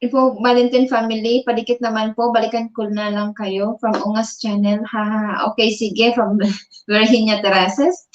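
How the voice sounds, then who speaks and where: A woman's voice: on the high side, level tone, normal speed, dull audio. A Filipino woman doing a casual livestream from her bed on her phone, reading out viewer comments, mixing Tagalog and English and laughing often. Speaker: livestream vlogger. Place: in bed at home.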